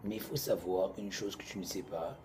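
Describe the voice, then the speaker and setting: A man, teaching an informal Torah class to students in an animated, joking way, moving between loud bursts and quiet asides. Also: low-pitched, normal speed, background noise.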